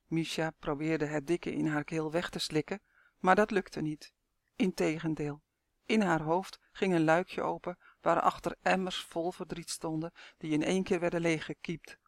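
A man narrates a storybook in a steady, gentle reading voice. His voice sits a little high for a man, and the recording is close and dry. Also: moderate pace, creaky, no echo.

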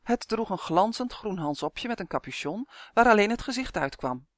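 A woman narrating a children's fantasy story aloud in an even, clear manner. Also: mid-range voice, normal speed, no room sound, clean studio sound.

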